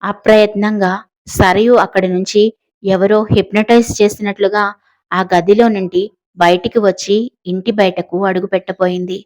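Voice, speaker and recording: A woman narrating a suspense novel in steady storytelling style. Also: mid-range voice, moderate pace. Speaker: audiobook narrator. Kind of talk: scripted narration.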